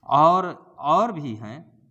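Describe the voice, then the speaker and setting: A man teaching an English grammar lesson, going through word forms slowly and repeating each one with its translation. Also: a little high, very animated, pushed and bright, muffled recording. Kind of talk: grammar lesson explaining to students.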